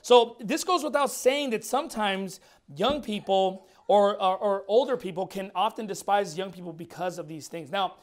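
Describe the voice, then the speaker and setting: A man in his thirties, a pastor, speaks at normal speed in a high-pitched voice that's starting to go as he preaches a fiery sermon in church. He's blunt and emphatic, repeating words.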